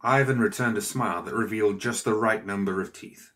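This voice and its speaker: Male narrator, lowish voice, steady audiobook reading. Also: a little fast. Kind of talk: scripted narration.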